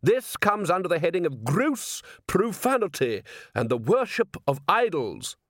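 Squeaky furious old priest in a story, loud and huffy, no room sound at all. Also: male voice, sing-song, measured pace, no room sound, clean studio sound, exaggerated voice. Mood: outraged. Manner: shrill, indignant, blustering. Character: pompous angry older male chief priest.

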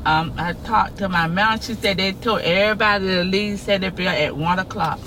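A woman's voice: medium pitch, moderate pace, a bit bright. A middle-aged woman with a Southern Florida accent and a folksy drawl, chatting casually and repeating her phrases as she rambles. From Florida, United States. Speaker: passenger being interviewed. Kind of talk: casual chat. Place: inside a car. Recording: noisy moving vehicle, road noise.

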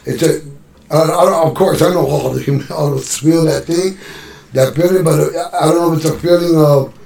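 A man tells a story in loose, profane chat and acts out the voices of the people in it. His voice sits fairly high and has a gravelly edge. He is picked up from a distance in an echoey room. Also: steady tone, normal speed, a little mellow. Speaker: musician telling a story. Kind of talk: casual storytelling.

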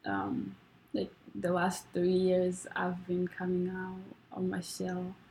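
Speaking slowly in a fairly low, gravelly voice, a young Rwandan woman who is a college student chats casually as a guest; English isn't her first language. She is soft-spoken and hesitant, restarting often and using many fillers, and the poor audio has a little hiss or hum.

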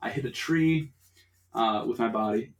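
A man's voice: mid-range voice, unhurried. A young man telling a rambling, profane story in casual chat on a podcast, laughing often. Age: young adult. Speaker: podcast host.

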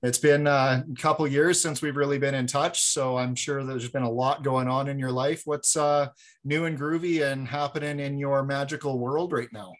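A man's voice: mid-range voice, fairly even intonation, normal speed. A man speaking as the host of a podcast. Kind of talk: podcast hosting.

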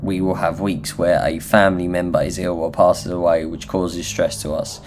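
Low-pitched nasal Essex man. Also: flat delivery, normal speed, background noise. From Essex, England. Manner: candid, self-deprecating, sweary. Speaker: podcast host. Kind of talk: solo motivational podcast talk, informal.

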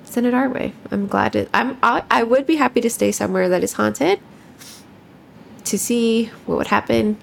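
A woman's voice: a little high, moderate pace, gravelly, slight background noise. A woman co-hosting a podcast in casual chat, chatty and swearing casually. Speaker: podcast co-host.

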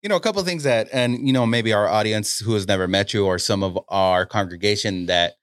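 A man's voice: brisk, no room sound, studio quality. A man co-hosting a podcast, chatting casually and asking the guest playful questions. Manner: playful, asks questions with lively rising pitch. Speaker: podcast co-host.

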